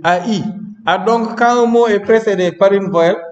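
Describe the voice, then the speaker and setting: During a live coding lesson, a man teaches a programming class in a chatty way, often checking in with his students. He has a high voice at normal speed, captured in a roomy, dull lo-fi classroom recording with long reverb.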